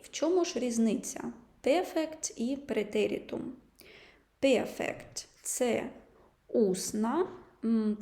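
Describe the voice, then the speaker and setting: Woman, language teacher, patient explaining, slow example words, mellow voice, roomy echo. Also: a little high. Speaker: German teacher. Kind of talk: online language lesson.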